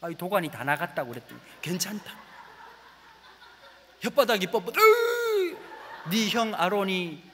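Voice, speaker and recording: A middle-aged man preaching a lively comic sermon as a guest pastor in a large church, storytelling with playful dialect bits. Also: high-pitched, in a large hall, a little hiss or hum. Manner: animated storytelling, slips into rustic dialect voices for laughs; says he talks very fast.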